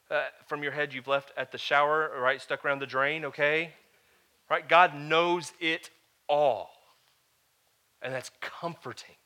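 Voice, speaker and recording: A man preaching a sermon to a live congregation, conversational, with joking asides, swinging from hushed to loud. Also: mid-range voice. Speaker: pastor.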